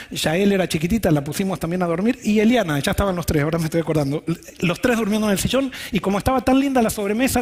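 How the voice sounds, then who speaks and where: A male pastor, preaching a sermon and telling a candid personal story. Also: sits high.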